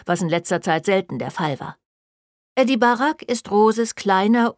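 A woman's voice: on the low side, dry recording, clean studio sound. Woman reading a wry first-person story. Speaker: narrator. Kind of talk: first-person audiobook narration.

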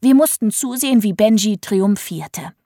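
A woman's voice: mid-range voice, expressive, normal speed, dark tone, no echo, studio quality. A woman narrating a funny first-person children's story in a playful voice and speaking straight to young listeners. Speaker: audiobook narrator.

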